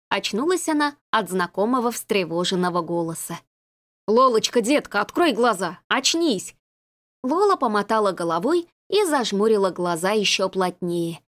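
A woman reading a humorous novel aloud with lively, expressive storytelling. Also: mid-range voice, moderate pace. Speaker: audiobook narrator. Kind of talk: scripted narration.

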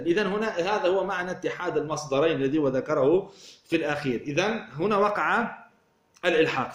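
A man teaching a grammar lesson, who asks questions and answers them himself and repeats key words as he explains. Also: a little high. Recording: roomy echo.

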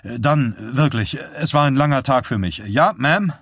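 A man's voice: medium pitch, lively intonation, unhurried, no room sound, clean studio sound, voice pushed up. A man voicing a tired, bewildered young man who answers hesitantly. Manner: hesitant, quiet.

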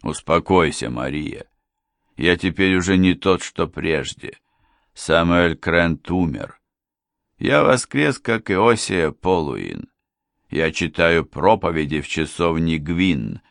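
A scheming impostor preacher who talks down to everyone with cold insolence, voiced by a male reader. The voice is deep, slow and gravelly, recorded close and dry. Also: animated, a bit bright, no echo, exaggerated voice.

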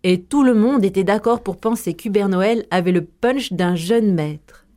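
A woman storyteller narrating a tale in a measured, expressive way. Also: mid-range voice.

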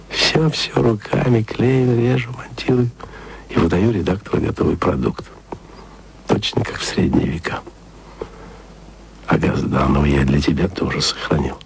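A male actor plays a lonely, sentimental radio tape editor who is in love, confiding in an intimate radio monologue. His delivery is heavily acted, with short, hushed, wistful phrases in a deep voice marked by vocal fry and a breathy edge.

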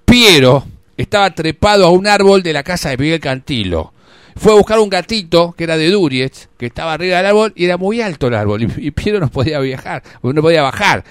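A man with an Argentine accent hosting a radio show, telling comic made-up stories of the day's anniversaries and slipping into quick voices for the people in them. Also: fairly high pitch, expressive, clean tone, no echo. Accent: Argentine Spanish. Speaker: radio host.

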